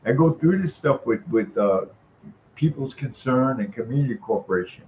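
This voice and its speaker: An older tenant calls in to vent a complaint informally, aggrieved and emphatic, rambling and going back over what he's said. His mid-pitched voice has lively intonation and a moderate pace, and the dull, lo-fi line carries faint background noise.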